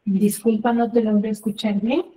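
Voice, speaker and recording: A woman teacher giving an online class, explaining step by step and often checking with quick tag questions. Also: on the high side, level tone, dark tone, husky. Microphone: video call.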